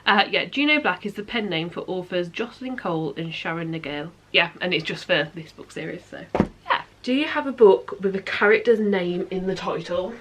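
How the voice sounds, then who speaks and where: A woman's voice: lowish voice, expressive, normal speed, fairly bright tone, a little hiss or hum. A British woman from the UK, chatting casually about her books in a rambling, giggly way. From United Kingdom. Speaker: book vlogger. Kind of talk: casual chat.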